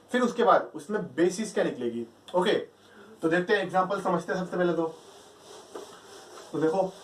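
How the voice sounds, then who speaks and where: Guy with a high voice teaching linear algebra, asks himself questions then answers, sounds far off in an echoey room. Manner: explains step by step, asks and answers his own questions. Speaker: math teacher. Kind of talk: lecture. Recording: echoey room, distant mic.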